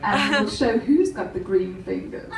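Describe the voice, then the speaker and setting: A woman's voice: mid-range voice, big pitch swings, a little slow, vocal fry, background noise. A woman telling wry, rambling anecdotes in a stand-up comedy set, laughing at her own jokes. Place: live comedy venue. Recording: roomy, distant mic with faint ambience.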